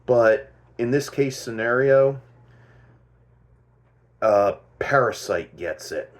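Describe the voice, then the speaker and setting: A man's voice: mid-range voice, animated, takes it slowly. A man hosting a casual music commentary, thinking aloud and stopping to correct himself as he goes. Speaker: host.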